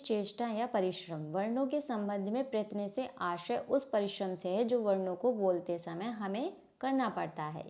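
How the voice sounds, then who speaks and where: Her voice sits on the high side with a dark tone as she walks a class through Hindi grammar using a book. Questions come and she answers them herself, correcting herself often along the way. The sound is lo-fi and a bit dull.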